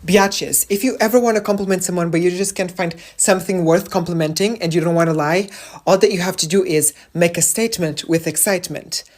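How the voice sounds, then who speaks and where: A woman's voice: on the low side, steady tone, a little fast, a little mellow. A woman giving playful, sassy advice in a casual talk to camera.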